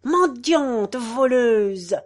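A woman's voice: medium pitch, expressive, takes it slowly. Woman putting on a pompous bullying squire. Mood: furious. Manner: boastful, then furious and shouting, then fawning.

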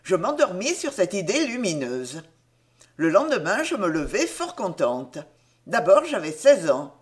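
A woman narrating a classic novel in an expressive storytelling voice. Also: on the low side, unhurried.

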